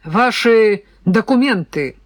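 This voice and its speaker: A woman's voice: on the high side, animated, moderate pace, no echo, pitched above the performer's own voice, lightly acted. Woman doing a strict cop, curt official talk, dry close audio. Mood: stern. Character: stern by-the-book police major, man.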